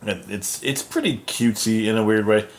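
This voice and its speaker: A man's voice: lowish voice, normal speed. A man hosting a podcast in a casual, rambling chat, cursing and trailing off mid-sentence. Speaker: podcast host.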